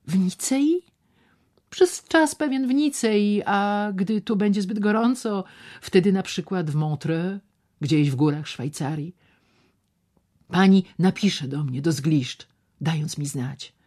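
In an audiobook, a woman voices a smooth, insinuating gambler who coaxes and half-whispers his offers, slow and deliberate. His persuasive delivery stays quiet, often slipping into breathy whispers as he presses his point.

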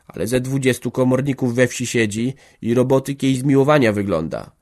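A man's voice: mid-range voice, fairly quick, darkish tone, pitched above the performer's own voice, close to an everyday voice. A man voicing a stubborn, hard-hearted old peasant farmer who speaks harshly and emphatically in an audiobook. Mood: sharp, grim. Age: older. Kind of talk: audiobook character voice.

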